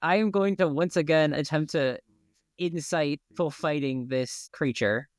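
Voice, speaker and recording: Male player, crisp tone, slightly high, dry recording, rambly delivery. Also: unhurried, no room sound. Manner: loose, rambling with fillers. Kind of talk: casual tabletop play.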